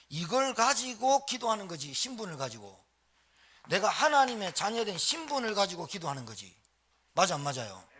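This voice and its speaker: A man's voice: high-pitched, sharp tone, husky. A male pastor preaching a live sermon in a church, exhorting the congregation with short repeated phrases and calls for response. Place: church sanctuary, live service.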